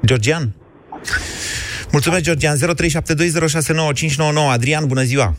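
A man's voice: a little high, slight background noise. A man hosting a call-in radio show, explaining at length and firmly pushing back on his callers with pointed questions. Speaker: radio talk show host.

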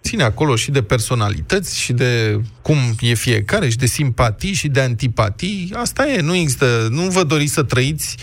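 Male radio host, polite, measured, moderating callers. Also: mid-range voice, expressive. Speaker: radio talk show host. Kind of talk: moderating a call-in debate.

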